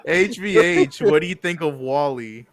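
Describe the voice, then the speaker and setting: A man hosting a casual group chat about films, excitable and quick to laugh. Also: a little high, a loud crowd. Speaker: host leading the tier list.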